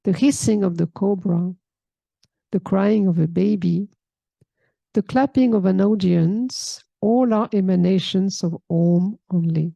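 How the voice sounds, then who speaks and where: A woman, teaching a calm, reflective spiritual talk and often checking in with a soft hmm. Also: mid-range voice, gravelly, dry recording. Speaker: yoga teacher. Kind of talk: spiritual talk reading and explaining a text.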